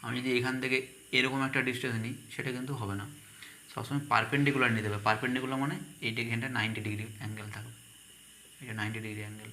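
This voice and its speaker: A man's voice: medium pitch, steady tone, rapid-fire, bright, forceful tone, a little hiss or hum. A man teaching a math lesson, asking questions and answering them himself.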